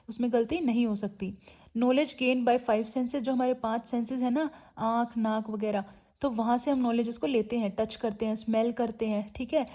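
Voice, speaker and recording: A woman teaching an exam-prep lecture, often adding a checking tag and reading English definitions slowly with an Indian English accent. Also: fairly high pitch, mellow.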